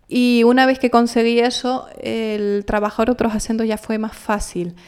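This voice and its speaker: A woman's voice: medium pitch, a little mellow, smooth. A young adult woman from the Canary Islands, an actress being interviewed, talking expressively and thoughtfully with frequent restarts. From Canary Islands, Spain. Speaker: actress, guest. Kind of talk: casual interview chat.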